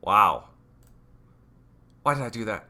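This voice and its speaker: A man's voice: lowish voice, animated, slow, pushed and bright. A man hosting a let's play, giving emotional, rambling commentary full of fillers. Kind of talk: game commentary.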